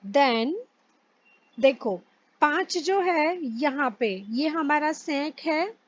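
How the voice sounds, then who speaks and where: A woman's voice: sits high, extremely slow, muffled recording. A woman teaching French pronunciation in a casual lesson, patient and spelling words out letter by letter.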